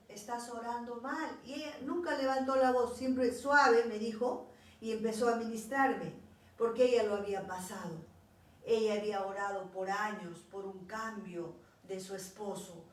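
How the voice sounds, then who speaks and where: A woman's voice: on the high side, recorded from a distance. Earnest woman preaching in echoey room. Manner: earnest, repetitive pleading phrases. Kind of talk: sermon.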